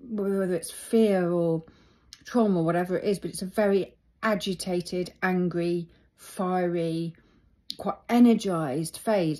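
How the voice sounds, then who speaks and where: A middle-aged woman talking reflectively about her feelings, thoughtful and halting as she searches for words. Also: lowish voice, a little mellow. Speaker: vlogger. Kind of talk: reflective personal talk.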